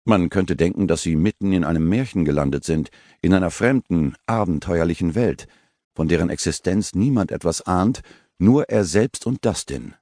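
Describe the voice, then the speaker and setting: Male narrator, low gravelly voice, animated telling. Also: no echo. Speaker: audiobook narrator. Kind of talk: scripted audiobook narration. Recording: dry studio recording.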